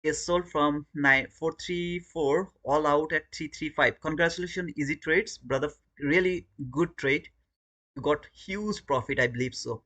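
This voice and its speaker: With a fairly high, bright and forceful voice, a Bangladeshi man hosts a live trading stream. He gives trading commentary and chats casually in Bangladeshi English, often repeating himself.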